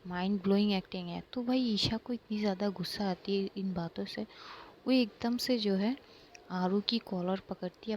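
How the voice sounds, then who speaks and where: A woman's voice: medium pitch, slight background noise. A woman narrating a love story in a casual, informal retelling full of repeated words.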